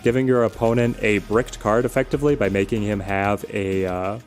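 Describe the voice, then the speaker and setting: A game streamer with a fairly low, steady voice talks a little fast while giving casual live commentary over background music. He thinks aloud, explains strategy conversationally, and answers viewers' questions.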